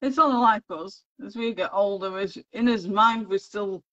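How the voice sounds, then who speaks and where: A woman chatting casually while colouring on a livestream, unhurried, with soft chuckles and fond remarks. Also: mid-range voice, no room sound. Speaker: livestream co-host. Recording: dull, dry lo-fi livestream audio.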